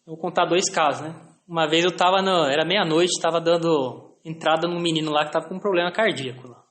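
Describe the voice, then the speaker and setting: High-voiced Brazilian man telling stories. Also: quick pace, a bit bright, echoey room. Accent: Brazilian Portuguese. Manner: anecdotal, frequent tag questions, self-deprecating. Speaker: lecturer.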